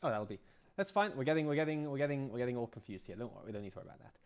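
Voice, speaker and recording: A slightly hoarse man who is losing his voice, thinking aloud in a halting, self-muttering way as he works through scripts on a live stream. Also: medium pitch. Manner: halting, restarting, muttering to himself. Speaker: game modder live streaming.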